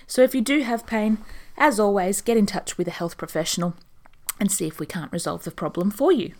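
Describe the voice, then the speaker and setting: A woman, a nurse hosting an informational podcast, speaks at a middling pitch into her microphone. She is audibly short of breath and talks in a calm, step-by-step advising way. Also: fairly quick. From Australia. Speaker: stomal therapy nurse and podcast host. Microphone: studio podcast microphone.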